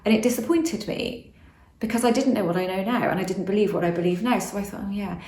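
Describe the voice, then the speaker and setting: A woman's voice: medium pitch, quick pace, darkish tone, reverberant, a little hiss or hum. A woman vlogging about manifestation in a casual, rambling monologue, often restarting and correcting herself.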